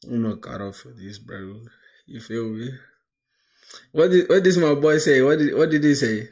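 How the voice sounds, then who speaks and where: Man, 20s, from South Sudan, casual stream chat, slangy, says bro constantly, middling pitch. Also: animated, normal speed, a little mellow. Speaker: livestreamer coding toward a job.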